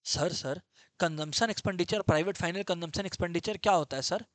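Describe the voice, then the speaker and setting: A man's voice: sits high, fast, fairly bright tone, dry recording, voice pushed down. A man voicing an eager young student who pleads with the teacher and keeps repeating "sir, sir".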